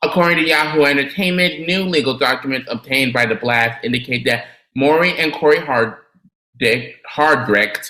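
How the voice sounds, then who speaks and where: A man's voice: medium pitch, sharp tone, roomy sound, rough recording. A man co-hosting a podcast, reading a news story aloud with stumbles and corrections. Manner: reads with stumbles and self-corrections. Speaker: podcast co-host presenting topics.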